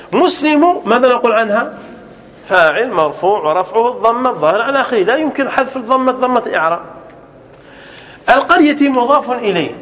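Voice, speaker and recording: A man teaching Arabic grammar in a classroom, asking rhetorical questions and repeating examples slowly as he dictates them. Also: very high-pitched, fairly bright tone, slight background noise. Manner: dictates examples at a slow, deliberate pace.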